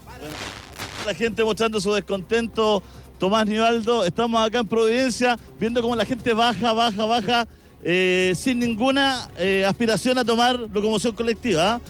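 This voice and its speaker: Soft music plays behind this male street reporter, whose voice is high and steady and whose pace is normal. Speaking with a Chilean accent, he reports live outdoors from a busy city avenue, chatting casually and asking passers-by quick questions.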